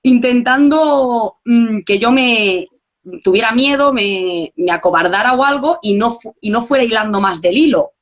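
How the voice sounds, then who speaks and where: Woman, animated storytelling, slightly dull lo-fi recording. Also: a little high, unhurried. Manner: animated storytelling, acting out quoted dialogue. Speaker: guest. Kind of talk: casual conversation.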